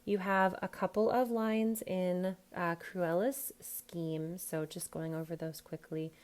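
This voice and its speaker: Slow, low-voiced woman dialect coach. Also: little pitch movement, darkish tone. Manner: slow, patient, stops often to model sounds. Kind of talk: accent coaching, demonstrating lines.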